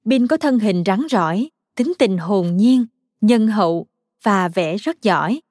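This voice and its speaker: A woman narrating a children's biography story in a calm, even storytelling manner. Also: medium pitch, measured pace, dry recording, studio quality.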